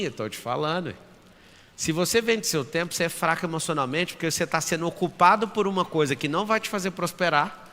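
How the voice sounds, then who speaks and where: A man's voice: on the high side, sharp tone. A Brazilian man with a Brazilian Portuguese accent giving a blunt, provocative motivational talk, acting out the people he quotes. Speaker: motivational speaker. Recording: long hall reverb.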